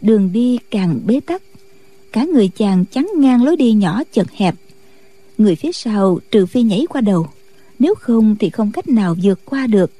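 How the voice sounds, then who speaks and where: A woman narrating a martial-arts novel in a steady storytelling voice. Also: medium pitch, moderate pace. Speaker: audiobook narrator.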